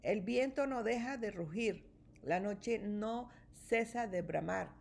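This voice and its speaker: Woman reading a rhyming kids book, slow and singsongy, bit of vocal fry. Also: mid-range voice. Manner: expressive, rhythmic rhyming delivery. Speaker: storybook reader. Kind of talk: children's picture book read-aloud.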